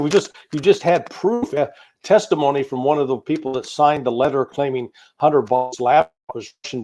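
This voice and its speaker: Over a rough recording, a man from the United States speaks with a medium-pitched, darkish voice as a political interview guest. His analysis comes across as opinionated and forceful, laid out in lists of points.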